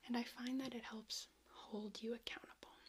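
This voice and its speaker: A woman speaking in a hushed library whisper, doing a whispered role-play as a friendly, chatty librarian. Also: a little high, flat delivery, normal speed. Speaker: ASMR performer playing a librarian. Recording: clear background noise, handling clicks.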